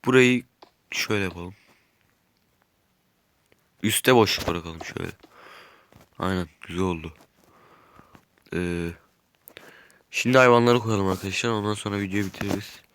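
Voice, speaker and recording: A man's voice: deep voice, normal speed, long pauses, fairly bright tone, a little hiss or hum. A man with a stuffy nose chatting casually as he narrates his game while building, thinking aloud. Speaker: gaming YouTuber. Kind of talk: casual gameplay commentary.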